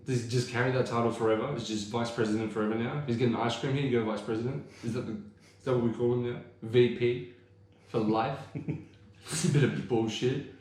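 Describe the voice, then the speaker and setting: A man's voice: mid-range voice, fairly even intonation, a little fast, a little mellow, very echoey. A man from Australia, co-hosting a podcast in casual, rambling chat full of swearing. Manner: swearing, laid-back, rambling. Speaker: podcast co-host.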